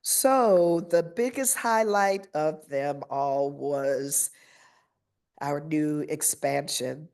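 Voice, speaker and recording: A woman principal presenting her school's news at a school board meeting, pausing often with fillers and a little nervous. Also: a little mellow. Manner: halting with fillers, voices children's chants in a high pitch.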